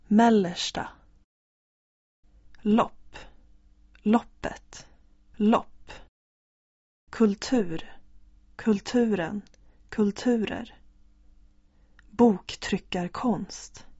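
A woman reading a vocabulary list word by word, slowly and evenly, as a language lesson drill. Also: mid-range voice, mellow, husky, dry recording. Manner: reads single words slowly and evenly. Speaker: language teacher. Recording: dull lo-fi recording.

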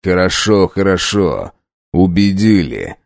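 A man voicing a blind vampire count who is anxious but restrained, speaking low and slow in a dry studio reading. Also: big pitch swings, vocal fry, no room sound, exaggerated voice. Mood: uneasy, dry. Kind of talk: audiobook reading.

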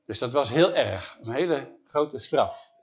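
Animated husky male Bible storyteller. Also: mid-range voice, moderate pace. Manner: animated, keeps checking in with "hè?".

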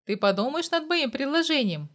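Woman voicing a gentle, tired woman doctor. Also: high voice, very animated, normal speed, pitched above the performer's own voice. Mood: soft.

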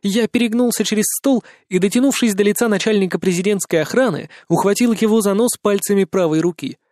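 A man narrating a first-person audiobook in an expressive, dramatic storytelling manner. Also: sits high, fast, no echo, studio quality.

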